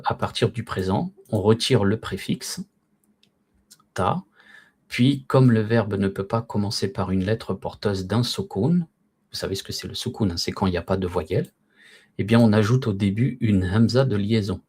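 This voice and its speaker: A man gives a recorded Arabic lesson in a husky, somewhat low voice. He is patient, pronounces each form slowly and repeats it. He often stops to check that his listeners are keeping up. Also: darkish tone. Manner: patient, repeats words slowly and asks if students follow. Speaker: Arabic teacher.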